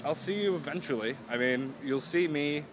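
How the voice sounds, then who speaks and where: A man's voice: on the high side, normal speed, noisy background. A young man in a casual, rambling vlog, filmed outdoors in a parking lot. He is chatty and self-mocking, and often trails off and restarts. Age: young adult. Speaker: vlogger. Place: outdoors in a parking lot beside parked cars.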